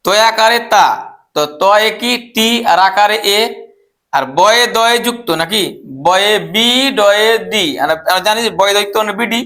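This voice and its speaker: A man's voice: high voice, fairly even intonation, normal speed, pushed and bright. A man teaching English spelling, asking and answering his own questions as he spells words out letter by letter. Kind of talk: explaining spelling step by step.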